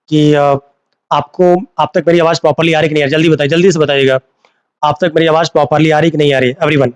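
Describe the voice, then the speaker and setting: Male teacher, live class on a phone, a bit high-pitched, dry close sound, repeats terms as questions. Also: no room sound. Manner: repeats key terms as questions to students, mixes Hindi and English.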